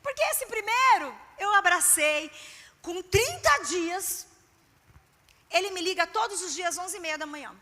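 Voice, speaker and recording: Woman preacher, animated sermon, piercing high voice, echoey church hall. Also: unhurried. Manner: animated storytelling, emphatic, addresses the women directly. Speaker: preacher at a women's service.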